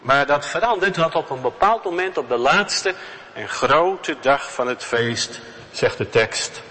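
A man preaching a sermon in a church, slow and emphatic, repeating key words. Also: on the high side, animated, sharp tone. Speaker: pastor. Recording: long church reverb.

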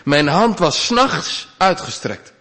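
A man preaching a sermon, earnest, rising to loud pleas and dropping to quiet asides. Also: on the high side, big pitch swings, takes it slowly, creaky. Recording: long church reverb.

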